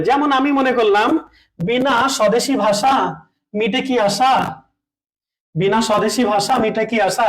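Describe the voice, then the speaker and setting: A man with a very high voice teaches a lesson at a board. He asks his listeners questions, answers them himself, and repeats each point. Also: low-quality recording.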